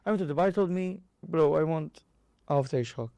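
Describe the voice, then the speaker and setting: A slightly high, dark-toned Maltese man, a boxer and trainer interviewed as a guest, tells casual, animated stories at a moderate pace. He performs dialogue and impact sounds in non-native English with a Maltese accent, and the clean studio sound has no echo.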